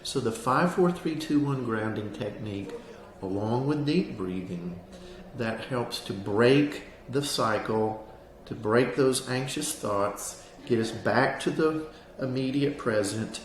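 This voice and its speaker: A man with a mid-pitched voice gives a calm, instructive talk in the manner of a counselor leading a grounding exercise. His delivery is plain-spoken and explanatory. The room adds noticeable echo, and there is faint noise behind him. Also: slow pace. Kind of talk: explanatory lesson on anxiety grounding, spoken to camera.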